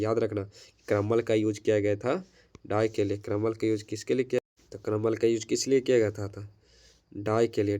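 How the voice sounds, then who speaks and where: A young coaching center teacher explains an English poem in Hindi, drilling exam answers by chanting key terms again and again and mixing English words in. His voice is lowish and a little mellow.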